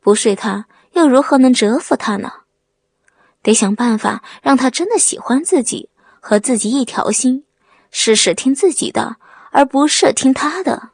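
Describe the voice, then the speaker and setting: A woman narrating a drama-filled audiobook story in a lively storytelling way. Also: high-pitched, moderate pace, vocal fry, slightly rough, dry recording.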